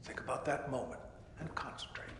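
An actor playing a calm male doctor who questions a patient in a measured, clinical way. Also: mid-range voice. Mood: calm probing. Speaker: game character. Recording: game audio in a reverberant room with faint noise.

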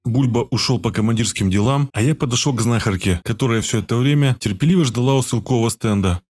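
A man narrating a first-person audiobook in a steady, even storytelling voice. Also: mid-range voice, fast talker.

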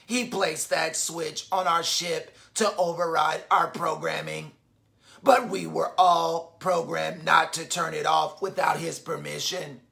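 A man doing a slow, hushed robot leader. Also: little pitch movement, creaky, exaggerated voice. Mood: solemn. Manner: slow, low, hushed delivery. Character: polite grateful male robot leader.

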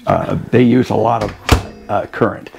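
A man's voice: on the low side, steady tone, normal speed, gravelly, background noise. A man in his sixties co-hosting an RV vlog, explaining technical details step by step from inside an RV kitchen on a lapel mic. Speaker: RV vlogger co-host. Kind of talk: casual explainer chat.

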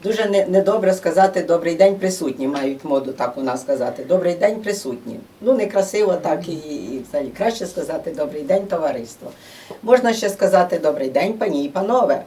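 A woman with a fairly low, mellow voice talks briskly and with lively intonation. She gives an informal, chatty talk to an audience in a museum room as a presenter at a museum gathering, explaining things with many fillers. A distant room microphone picks her up.

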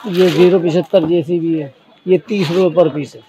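A man's voice: on the high side, fairly even intonation, moderate pace, dark tone, a little hiss or hum. A man who runs a toy shop, listing wholesale prices item by item in a matter-of-fact way. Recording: dull, lo-fi sound.

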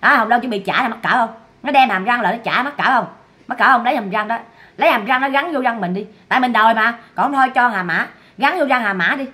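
A woman's voice: fairly high pitch, quick pace, bright, forceful tone. A woman doing gossip commentary to her viewers, scolding and repeating herself for emphasis. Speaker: online commentator.

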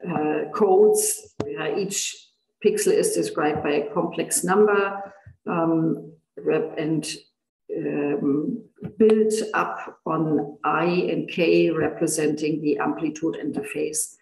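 Tired guy giving a lecture, gravelly voice, lots of ums, echoey room. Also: fairly high pitch, fairly even intonation, a little mellow. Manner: halting, many fillers and restarts. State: tired voice, throat clearing. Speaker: university lecturer. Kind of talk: informal lecture.

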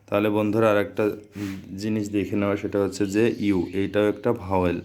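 A man's voice: lowish voice, level tone, normal speed, darkish tone. A man teaching a grammar lesson, who keeps asking questions and answering them himself.

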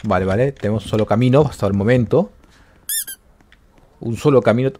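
A man giving excited commentary on a horror game, yelping and repeating words when scared. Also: fairly low pitch, fairly quick, a little hiss or hum. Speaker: gaming YouTuber.

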